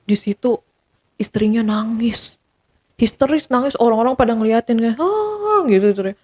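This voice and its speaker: A woman's voice: on the high side, normal speed, husky. A woman guest telling a personal story in casual speech, acting out the quoted dialogue with energy. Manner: animated, acts out the quoted dialogue.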